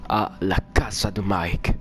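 A horror game streamer gives casual, jokey, rambling let's play commentary, spooked, grumbling, and swearing a lot. His low voice is steady, slow, and a bit bright, captured in a noisy home recording with horror game ambience behind him.

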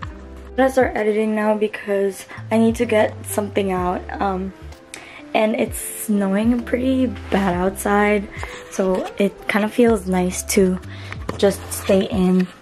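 A young woman chatting casually to camera in a vlog, her voice hoarse and partly gone. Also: medium pitch, fairly even intonation, slow, a little mellow, soft background music. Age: young adult. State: voice partly gone after a party. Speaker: vlogger. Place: small bedroom, indoors. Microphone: camera at arm's length.

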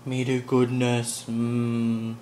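A woman's voice: a bass voice, monotone, very slow, warm tone, slight background noise. A young woman chatting casually as she cooks in her home kitchen for a vlog, rambling and giggly. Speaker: cooking vlogger.

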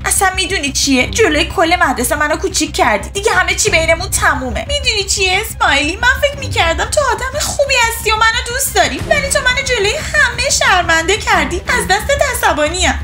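A woman voicing lively young schoolgirls in a dubbed kids' video drama, with a chatty, sassy and dramatic manner. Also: very high voice, few pauses. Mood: upset. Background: background music.

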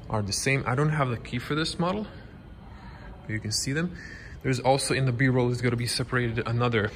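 A young man whose first language is Croatian, giving a casual walkaround car review in a showroom, talking haltingly with many fillers into a handheld camera. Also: medium pitch, a bit bright, slight background noise. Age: young adult. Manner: halting, many fillers, non-native phrasing. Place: car dealership showroom, inside a car. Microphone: handheld camera close to face.

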